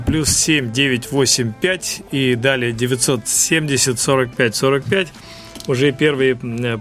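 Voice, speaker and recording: A man's voice: medium pitch, a bit bright. A man presenting a radio music show in a chatty, hesitant way, with folksy mock-formal touches.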